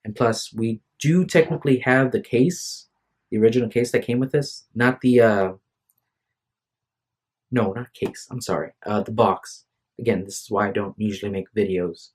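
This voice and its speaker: With a breathy edge to a voice on the low side, this young vlogger speaks at a normal speed into his phone at home. He sounds tired and rambles casually to camera, hesitant and apologetic and often restarting what he says.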